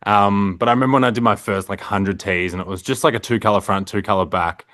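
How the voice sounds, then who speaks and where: A young Australian man with a low voice talks in a loose, rambling way, full of fillers and "like"s. His tone is bright and forward. The sound is dry and close. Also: fast talker, no echo. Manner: rambling, filler-heavy, frequent "like". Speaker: print shop owner, guest. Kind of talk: casual interview chat.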